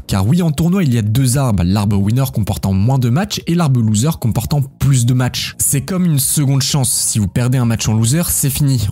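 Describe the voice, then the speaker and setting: A man narrating a documentary video in a steady, explanatory voice-over, with the odd self-mocking aside. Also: medium pitch, breathy edge. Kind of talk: scripted narration.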